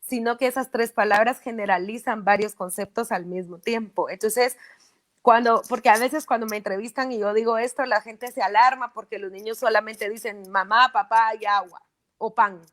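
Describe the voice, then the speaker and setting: Patient woman explaining calmly. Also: on the high side, moderate pace. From Guatemala. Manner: patient, explanatory, with frequent "¿verdad?" checks. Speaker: speech therapist. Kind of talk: interview, explaining.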